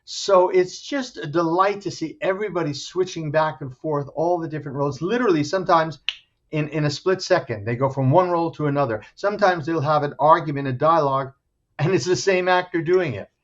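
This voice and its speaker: A man with a voice on the high side talks fairly quickly in an enthusiastic, descriptive interview, speaking as a theater director promoting a show. The audio is dull, muffled and lo-fi.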